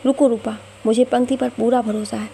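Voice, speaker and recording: A calm, firm old grandmother speaks up in a storybook reading, voiced by a woman narrator. Her tone is warm, dark and a little gravelly. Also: on the high side, a little fast, a little hiss or hum.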